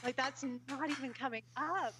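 A woman's voice: high-pitched, normal speed, sharp tone, a little hiss or hum. A woman answering trivia questions in a casual chat, giggly and flustered when she guesses. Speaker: quiz contestant.

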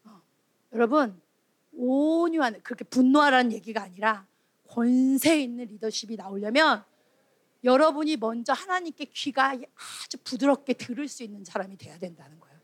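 Animated high-voiced woman preaching to youth. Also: normal speed, slightly rough, dry recording. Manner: animated, calls out questions and acts out scolding voices. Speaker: junior preacher at a youth retreat. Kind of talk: lively sermon to children and teens.

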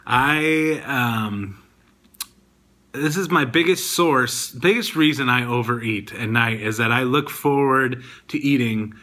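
Bright-voiced chatty man vlogging. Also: medium pitch, slow pace. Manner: chatty, rambling, with frequent ums. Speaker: podcast and video host. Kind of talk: casual diet vlog talk.

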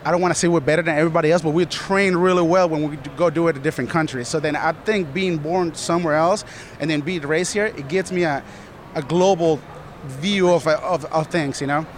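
A man's voice: a little high, a little fast. Earnest man from Colombia, rambling. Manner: earnest, rambling, many "you know"s. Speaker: studio manager, guest. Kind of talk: casual interview answers.

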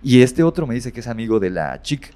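A man's voice: mid-range voice, sing-song, fast talker, warm tone. A man casually retelling a horror story as a guest, rambling with many fillers and self-corrections.

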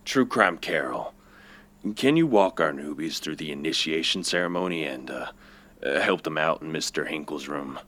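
Deep, deadpan man. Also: normal speed.

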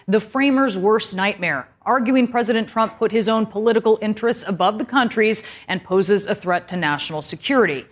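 A woman anchoring a political news program, reading the intro crisply and then pressing her guest for clear answers. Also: mid-range voice.

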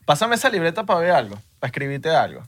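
A man's voice: a little high, a bit bright, husky. Young man, playful laid-back banter. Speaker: podcast co-host. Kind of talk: casual chat.

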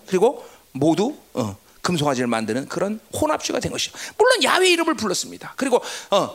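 Gravelly, wildly swinging preacher. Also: sits high. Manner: keeps prodding listeners with "응?" and "그렇죠?"; swings between shouting and hushed asides. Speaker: pastor. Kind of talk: sermon.

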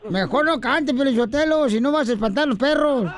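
A man's voice: very high voice, fairly quick. A man hosting a radio comedy show, teasing and slangy. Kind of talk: radio morning show banter and joke telling.

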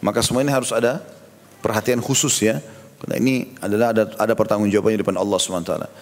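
A man's voice: fairly low pitch, steady tone, very fast. A man giving a religious sermon, telling stories and acting out the dialogue of the people in them. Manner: storytelling, acting out quoted dialogue. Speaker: preacher. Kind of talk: Islamic sermon. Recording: long reverb.

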